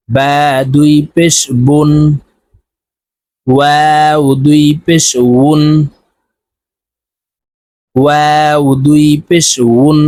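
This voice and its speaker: Very slow, chanting male reading teacher. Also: a little high, warm tone. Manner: drawn-out, deliberate chanting of each letter sound. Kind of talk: slow recitation drill with short explanations.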